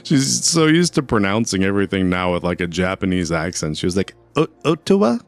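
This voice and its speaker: A man's voice: low voice, fairly quick. A man streaming a video game, chatting casually and rambling as he answers his chat. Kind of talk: casual gameplay commentary.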